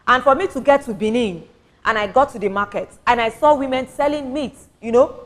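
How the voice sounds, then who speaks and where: A woman's voice: on the high side, fairly quick. Earnest Nigerian woman explaining firmly. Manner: earnest, lecturing, repeats points for emphasis. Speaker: women's advocate, panel guest. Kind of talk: studio talk show discussion.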